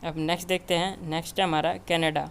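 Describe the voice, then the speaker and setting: Man teaching in a flat, repetitive tone. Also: fairly high pitch, fast, a little hiss or hum. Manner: repeats "ठीक है" and short checks constantly. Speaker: memory trainer teaching mnemonics. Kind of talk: explanatory tutorial lesson.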